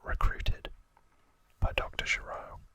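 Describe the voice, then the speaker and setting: An ASMR video host whispers softly and breathily, explaining trivia informally at an unhurried pace with pauses between short phrases.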